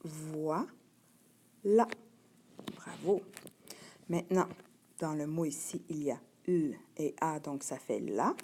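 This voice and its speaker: Slow, patient woman teaching reading. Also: deep voice, a little mellow, slight background noise. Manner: slow, clear, sounding out letters and syllables. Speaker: primary school teacher.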